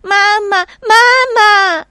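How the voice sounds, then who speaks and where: A woman's voice: measured pace, a bit bright, dry recording, studio quality. Woman doing a scared little child. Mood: frightened. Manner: high wailing childlike pleading.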